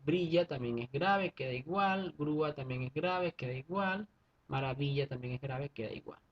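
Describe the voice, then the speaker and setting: A male schoolteacher explains a lesson step by step, pausing often to check that his students follow. His voice is husky and a little breathy. The recording sounds dull and lo-fi. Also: a little high. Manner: methodical, repeats steps and checks in with students. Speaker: secondary school teacher. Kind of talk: online class explanation.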